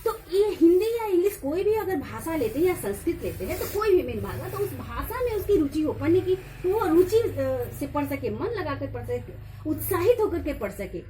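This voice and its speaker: A high-voiced woman lecturer whose pitch swings widely as she explains. Her tone is mellow rather than bright. She talks through a revision lesson patiently and slowly repeats key phrases, with fillers between points. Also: sing-song, a little hiss or hum. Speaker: college lecturer.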